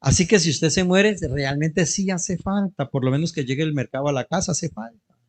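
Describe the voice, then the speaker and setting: Colombian pastor telling stories in a sermon. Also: male voice, on the high side, moderate pace. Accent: Colombian Spanish. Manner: storytelling, joking with the congregation. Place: church.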